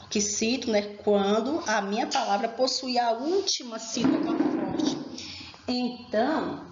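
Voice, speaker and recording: A woman teacher giving a recorded grammar lesson, explaining slowly and emphatically and speaking directly to her students. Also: a little high, very noisy. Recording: echoey room, dull lo-fi sound.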